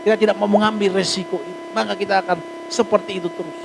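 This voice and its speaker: A man preaching as a pastor at a church service, in a lively conversational way with jokes and acted asides. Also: high-pitched, rapid-fire, noisy background. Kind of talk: sermon. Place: church hall.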